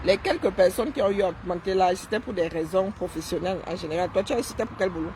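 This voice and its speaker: A woman talks on a live stream from her seat, mid-pitched and scornful. She mocks her targets and keeps tossing in "hein?". A faint hum of passing traffic sits behind her. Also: quick pace, darkish tone. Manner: sarcastic, mocking, keeps asking "hein?". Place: seated indoors.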